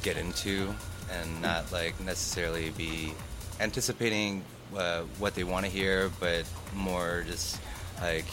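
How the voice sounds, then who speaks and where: With music running beneath him, a young Detroit man guesting as a DJ talks in an unhurried, fairly even low voice. The interview is casual, and he sounds relaxed but halting, full of filler words.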